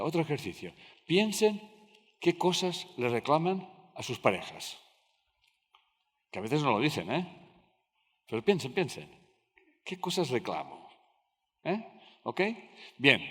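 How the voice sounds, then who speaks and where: A man giving a live lecture to an audience, telling anecdotes, acting out dialogues and often checking that listeners follow. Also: medium pitch. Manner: talks with the audience, acts out dialogues, asks "¿me siguen?" often. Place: large lecture hall with audience. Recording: reverberant hall.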